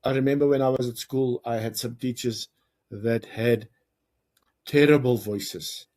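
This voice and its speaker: A man with a South African accent giving a lively, conversational talk to parents, explaining ideas with jokes and acted-out examples. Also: medium pitch, a little slow. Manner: lively, conversational, jokes and acts out quoted lines. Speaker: parenting coach and teacher. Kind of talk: educational talk to camera.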